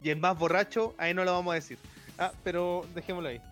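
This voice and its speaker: A man's voice: high voice, steady tone, fast, fairly bright tone, soft background music. A man with a Chilean accent, a podcast co-host, chatting casually and rambling through his theories with restarts. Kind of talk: casual chat.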